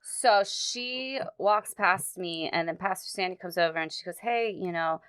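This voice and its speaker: Low, smooth-voiced young woman telling a story. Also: fairly bright tone, no echo. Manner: halting, earnest, many restarts. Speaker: podcast guest. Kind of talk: casual storytelling.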